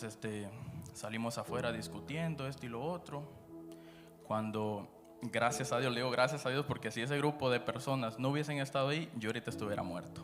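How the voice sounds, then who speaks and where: A man from Guatemala with a Guatemalan Spanish accent, giving his church testimony in an unscripted storytelling way, full of fillers, his voice dropping low when he recounts dark moments. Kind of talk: personal testimony after prayer. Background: background music.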